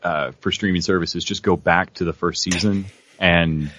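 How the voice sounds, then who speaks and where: Male podcast co-host, low voice, chatty, dull dry sound. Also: steady tone, normal speed, a bit bright, slight background noise. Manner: chatty, repeats words as he thinks. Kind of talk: casual podcast chat.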